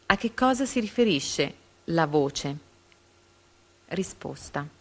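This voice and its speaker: In a lowish, animated voice, a woman works through reading-comprehension questions and options out loud, leaving a careful pause after each lettered choice.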